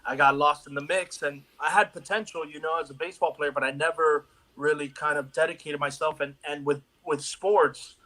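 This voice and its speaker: Easygoing male guest with a bright voice. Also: on the high side, steady tone, normal speed, few pauses, poor audio. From Miami, USA. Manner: easygoing storyteller, uses "bro" and "dude". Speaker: guest actor. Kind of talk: casual interview chat.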